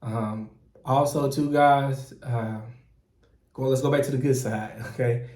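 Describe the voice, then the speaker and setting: A middle-aged man from Mississippi, giving earnest, animated advice as a channel host in casual talk. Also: medium pitch, measured pace. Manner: earnest and animated, frequent "man" and "you know", restarts, chuckles. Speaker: process operator and channel host. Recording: roomy echo.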